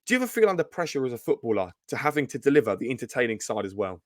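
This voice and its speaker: A man hosting an interview talks quickly and asks long, winding questions. His voice sits at a middle pitch. The sound is dry and close. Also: sing-song, dry recording. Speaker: interviewer host.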